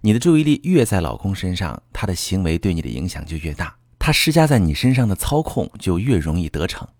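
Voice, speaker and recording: A man hosting a relationship advice program, calmly coaching the listener and speaking straight to them. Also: low voice, brisk, no room sound, studio quality. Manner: calm, coaching, addresses listener directly. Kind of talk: scripted advice talk.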